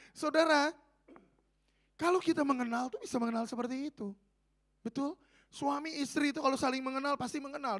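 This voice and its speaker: A middle-aged man a slightly raspy voice, preaching a sermon, animated and joking, swinging between loud and soft. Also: very high voice. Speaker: pastor.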